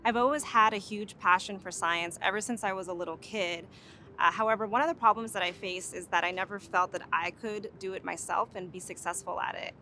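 A woman's voice: mid-range voice, steady tone, fairly quick, sharp tone, a little hiss or hum. A young woman who is a PhD student, speaking earnestly in an outdoor interview testimonial. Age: young adult. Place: outdoors on campus.

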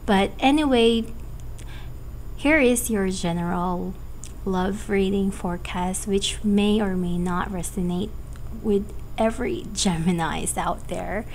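Female tarot reader, slow and hesitant, cracking voice from a cold, faint background noise. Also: medium pitch, a little mellow, poor audio. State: has a cold. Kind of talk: casual monthly tarot forecast.

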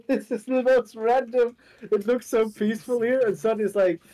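A woman's voice: on the high side, steady tone, normal speed, dark tone. A woman co-playing a game, chatting casually with dry, teasing quips. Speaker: co-player. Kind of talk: casual gaming chat. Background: faint game music.

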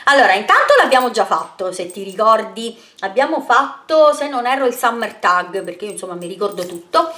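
A beauty vlogger answers viewer questions in a casual Q&A video, her medium-pitched voice lively, sharp in tone, a little fast and with few pauses. She chats and rambles, full of fillers and self-corrections, sending kisses and pet names to her followers.

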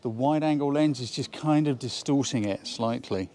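Man, photography tutor, outdoor hillside, chatty, enthusiastic, thinking aloud, medium pitch. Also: moderate pace, dark tone. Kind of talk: instructional outdoor vlog.

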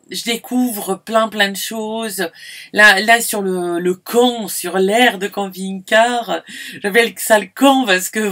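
A woman's voice: medium pitch, fairly bright tone. A middle-aged French woman vlogging casually from inside her camper van, rambling with many fillers and restarts. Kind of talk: casual chat to camera.

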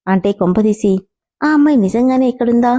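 A woman's voice: fairly high pitch, brisk, mellow, pitched above the performer's own voice, close to an everyday voice. A woman voicing an anxious, hurt young wife who pleads uneasily, in a spoken storybook.

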